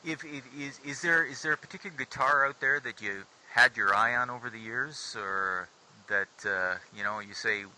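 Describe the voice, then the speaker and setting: A man's voice: medium pitch, normal speed, sharp tone, low-quality recording. A man hosting a casual interview, laid-back and joking with playful asides. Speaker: host.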